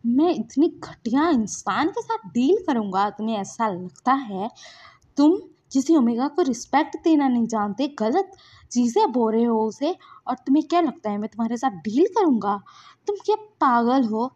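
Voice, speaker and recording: A woman reading a fan story plays a possessive young man in a rage. He shouts and scolds in a fairly high voice. The recording is dull and lo-fi. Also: lively intonation, moderate pace. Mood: furious. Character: furious possessive young man, protective boss. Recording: dull lo-fi sound.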